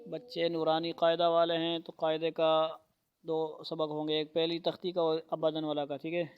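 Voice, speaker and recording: A man teaching a Quran reading lesson in a classroom, patiently calling out letter sounds loudly and explaining how each one is made. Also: fairly high pitch, completely flat delivery, clear, resonant tone, highs cut off. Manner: patient, repeats letters loudly for students to echo.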